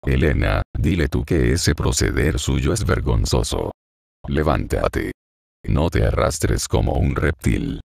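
A man's voice: extremely low pitch, expressive, slow pace, creaky, darkish tone, no room sound, studio quality, full character voice. A man voicing a proud, impatient teenage girl who scolds sharply, in a storybook reading. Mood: impatient, scornful.

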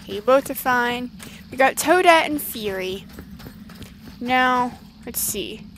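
Excitable high-voiced woman gamer. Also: slow pace, slight background noise, rough recording. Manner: chatty, excitable, talks to the game creatures. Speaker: gaming channel host. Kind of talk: casual gameplay commentary.

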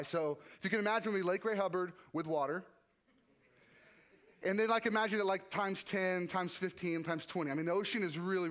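A man's voice: on the high side, a bit bright. A young man, a worship leader, telling his own story during a sermon in a casual, conversational way with frequent restarts. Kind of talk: personal testimony in a sermon. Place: church.

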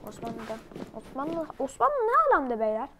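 Woman gamer, high voice, excitable, prone to loud crude outbursts; casual gameplay commentary, faint background hiss. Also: normal speed, low-quality recording. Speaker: gamer playing online strategy game.

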